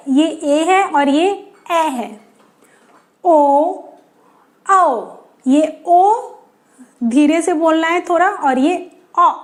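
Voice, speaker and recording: Slow, high-voiced woman teaching letters. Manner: patient, drawn-out pronunciation with pauses. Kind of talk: slow, careful alphabet lesson for children.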